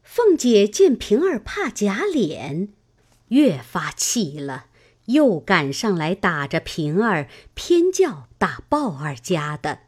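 Expressive woman narrating a classic novel. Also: medium pitch, slow pace, slightly rough. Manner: expressive, dramatic storytelling. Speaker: audiobook narrator.

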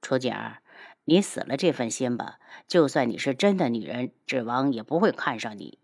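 A woman voicing a cold, sneering young man who talks slowly and with menace. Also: very deep voice, lively intonation, pitched below the performer's own voice. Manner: slow, cold, sneering delivery.

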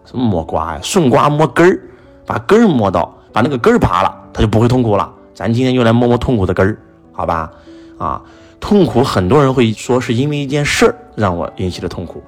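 A man giving a motivational lecture to an audience, telling a personal story and asking many rhetorical questions. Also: lowish voice. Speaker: motivational speaker.

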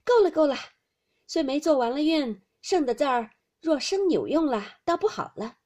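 A woman's voice: sits high, expressive, normal speed, warm tone, voice pushed up. A woman doing a firm young widow.

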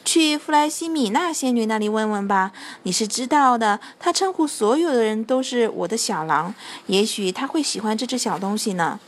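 A woman's voice: fairly high pitch, expressive, normal speed, hardly any pauses. A woman voicing a fussy witch who shrieks her protests in a storybook reading. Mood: coaxing.

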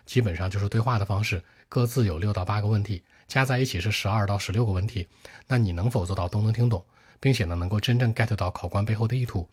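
A man teaching exam-speaking tips in a brisk, direct way, talking straight to his viewers. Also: fairly low pitch, a little mellow, husky. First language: Mandarin Chinese.

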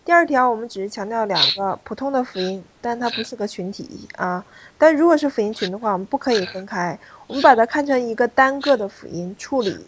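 A woman's voice: a little high, animated, fast, muffled recording, slight background noise. A woman teaching a French pronunciation class, explaining rules step by step and calling on students. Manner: explanatory, repeats key points, calls on students.

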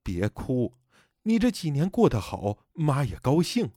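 A man voicing the grieving spirit of a dead elderly mother, speaking softly and sorrowfully. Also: medium pitch, wildly swooping pitch, measured pace, no echo, clean studio sound. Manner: soft, sorrowful pleading.

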